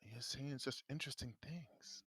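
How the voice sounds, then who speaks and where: A man's voice: mid-range voice, a little slow, pushed and bright, husky, no room sound. A man playing in a tabletop game, chatting casually and laughing along. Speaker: player.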